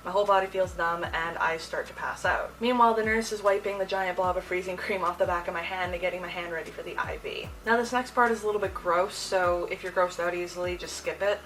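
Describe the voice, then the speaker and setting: A young adult woman hosting a casual storytime vlog, talking in an animated, slangy way. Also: medium pitch, distant mic, a little hiss or hum, low-quality recording. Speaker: video host. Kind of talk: casual personal storytime to camera.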